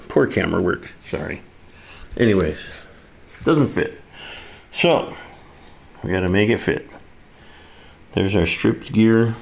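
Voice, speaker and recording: With a fairly low, creaky voice and a darkish tone, a man demonstrates a hands-on repair casually, muttering to himself as he goes. The recording carries faint background noise.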